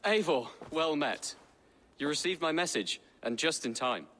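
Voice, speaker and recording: A man's voice: a little high, lively intonation, unhurried, pushed and bright, long reverb tail, a little hiss or hum. A man voicing a young nobleman heir in video game dialogue, formal and earnest in how he speaks.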